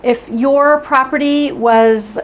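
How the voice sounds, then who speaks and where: A woman's voice: sits high, fairly even intonation, slow pace, slight background noise. A woman in her forties co-hosts a homesteading channel, talking to camera in her kitchen in a friendly, upbeat way. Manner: friendly, upbeat, direct address. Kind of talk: scripted explainer to camera. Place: home kitchen indoors.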